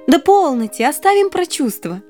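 A woman voicing an eager, excitable young girl. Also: sits high, moderate pace, soft background music, pitched above the performer's own voice. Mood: earnest. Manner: breathless, exclamatory. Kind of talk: audiobook character reading.

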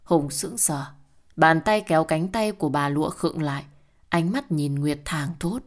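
Low-voiced woman narrating a drama. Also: measured pace. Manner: steady, dramatic storytelling.

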